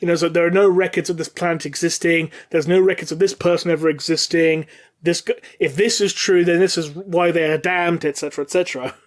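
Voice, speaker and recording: A man in casual podcast talk strings his explanations together in long run-on sentences and swears casually for emphasis. His voice sits a little higher than most men's. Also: fairly even intonation, a little fast. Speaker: podcast panelist. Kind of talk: casual chat.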